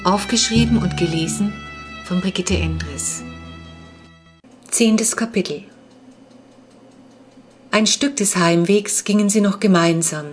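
Woman narrator, lower voice, clear and even children's audiobook reading. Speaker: author reading her story.

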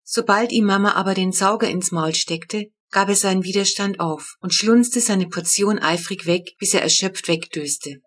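A woman reads her own children's book aloud in calm, measured storytelling. Her voice sits in a middle register with a breathy edge. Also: medium pitch. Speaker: author reading her book. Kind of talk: audiobook narration.

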